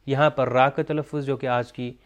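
A man teaching Quran pronunciation in a recorded lesson, explaining each letter in a clear, steady way and slowly chanting the example words. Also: mid-range voice. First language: Urdu. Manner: explanatory, mixes in English terms, slow chanted recitation of examples.

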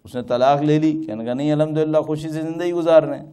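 A man's voice: on the high side, fairly even intonation, mellow, clear, resonant tone. A man giving a religious talk as a cleric, telling anecdotes with rhetorical questions and acted-out dialogue. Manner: storytelling, rhetorical questions, acts out quoted dialogue.

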